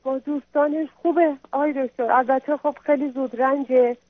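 A woman's voice: high voice, steady tone, no echo. A woman who is a mother calls in to a radio show. She speaks apologetically and pleads with deference. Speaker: caller, a mother. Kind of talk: call-in conversation. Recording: tinny phone line.

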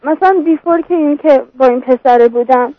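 A woman's voice: high voice, dry recording, highs cut off. A young woman calling an advice show, talking emotionally and pleading, full of fillers. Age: young adult. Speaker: caller. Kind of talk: call-in conversation.

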